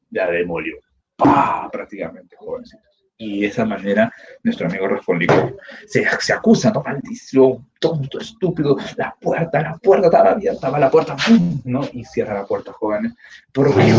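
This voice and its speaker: Man teaching, acting out a story. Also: mid-range voice. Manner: acts out scenes with sound effects and character voices, frequent "¿no?". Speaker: literature teacher. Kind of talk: animated storytelling lecture. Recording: slightly dull, faint background noise.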